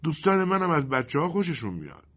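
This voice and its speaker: A man voicing a gentle male forest genie in a storybook reading, with a husky voice and quiet, calm replies. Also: on the high side, pitched above the performer's own voice, heavily acted. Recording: dull lo-fi recording.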